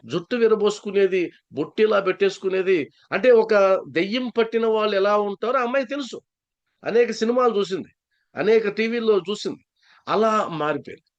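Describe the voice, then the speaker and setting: Captured in lo-fi sound, a high-pitched man tells a story at a satsang. He is a spiritual speaker and psychologist from Andhra Pradesh who stresses key points by repeating phrases.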